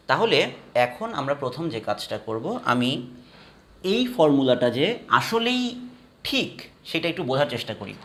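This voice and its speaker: A man teaching a math lesson, slowly spelling out each step and counting aloud for his students. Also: mid-range voice, fairly bright tone. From Bangladesh. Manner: slow, deliberate, spells out steps and counts aloud. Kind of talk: classroom math lecture.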